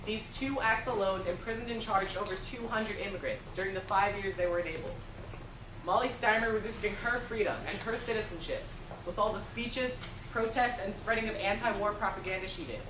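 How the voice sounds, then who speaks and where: Echoey distant recording, woman narrator, medium pitch, scripted history narration, noisy background. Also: brisk.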